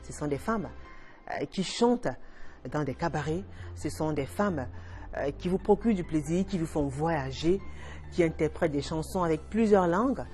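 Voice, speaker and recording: A low-pitched woman presents a TV talk show. Her delivery is expressive and emphatic. Soft music plays faintly under her words. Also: moderate pace. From Cameroon.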